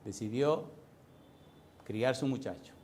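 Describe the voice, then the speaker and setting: A man's voice: mid-range voice, takes it slowly, darkish tone, slight background noise. A male pastor preaching a sermon in a church, firing emphatic rhetorical questions at the congregation.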